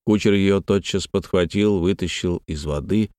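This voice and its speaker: Man, audiobook narrator, low voice, dry close recording, measured expressive reading. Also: dry recording. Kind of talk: scripted literary narration.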